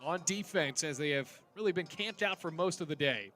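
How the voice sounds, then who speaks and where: A man's voice: fairly high pitch, expressive, fairly quick, a bit bright, faint music behind. A man calling live football play-by-play in clipped, descriptive phrases. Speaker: play-by-play commentator.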